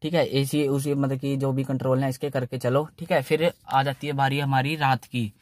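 With a medium-pitched, level voice at a normal pace, a young car channel host talks through driving tips. He recorded it on his phone in a parked car, and the sound is dry. His casual explanation wanders and repeats, with "theek hai" coming up constantly.

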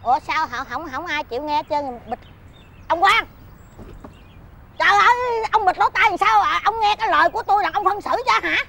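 Shrill wailing old village woman. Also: animated, fairly quick, sharp tone, heavily acted. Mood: scolding. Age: older. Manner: shrill, scolding, wailing pleas. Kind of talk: folk tale TV drama.

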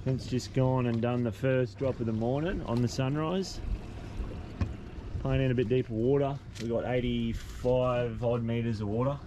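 An Australian man shouts excited commentary into an action camera on a fishing boat at sea. He talks loudly and swears casually, with a mid-range voice. Wind, water and the engine roar clearly behind him. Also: medium pitch, normal speed. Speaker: fishing vlogger. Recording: outdoor boat noise.

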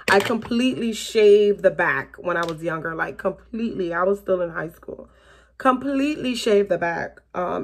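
A chatty late-thirties beauty vlogger with a Southern Florida accent rambles and laughs through a casual get-ready-with-me session, calling her viewers "you guys" as she does her makeup in a small bedroom. She speaks in a lowish voice with vocal fry, picked up by a camera at close range in front of her.

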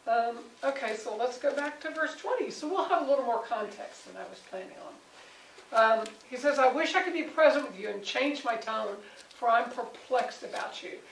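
A woman leading a conversational Bible study with a small group, animated and acting out the voices she quotes. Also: fairly high pitch, normal speed, creaky. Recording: roomy, distant mic, faint background noise.

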